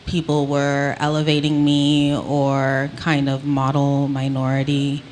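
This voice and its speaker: Low-voiced woman with an Antiguan accent. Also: completely flat delivery, slow pace, a little mellow. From Antigua, Caribbean. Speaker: interviewee. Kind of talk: reflective personal storytelling in conversation.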